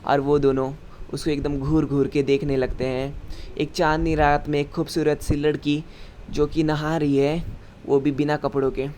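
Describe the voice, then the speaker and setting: A man recaps a story in a loose, chatty style, talking to the listener like a friend. His voice sits somewhat high for a man. There is a faint steady hiss under the recording. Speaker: anime recap narrator. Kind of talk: casual story recap narration.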